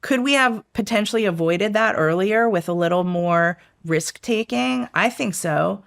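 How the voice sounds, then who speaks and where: A middle-aged woman, formerly an intelligence analyst, speaks casually and unhurriedly in an interview, her mid-range voice marked by vocal fry and many fillers and restarts. She is from the United States, raised in the Washington DC area, and her first language is Italian.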